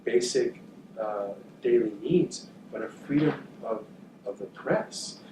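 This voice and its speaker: In an echoey room picked up by a distant mic, an animated, mid-range-voiced man from northern New Jersey talks to journalism students. He's thoughtful yet halting, leaning on frequent fillers and repeated words, with background noise behind him.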